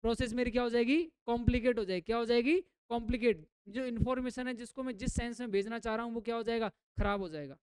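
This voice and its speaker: A woman's voice: fairly high pitch, fairly even intonation, fast talker, hardly any pauses, a little mellow, slight background noise. A woman biology teacher giving a classroom lecture. She keeps asking her students questions and then repeats the answers herself, mixing English terms into her explanations.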